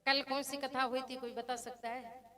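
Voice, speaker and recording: A woman preacher telling a devotional scripture story to a village gathering, addressing the crowd directly and slowly chanting verses. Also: high-pitched, little pitch movement, bright, forceful tone, soft background music. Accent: Braj-tinged Hindi.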